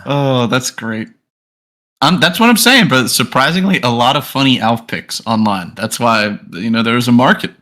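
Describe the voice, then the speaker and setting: Bright-voiced joking man. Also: medium pitch, lively intonation, normal speed. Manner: swearing, joking, laughing often. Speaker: podcast co-host. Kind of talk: casual chat.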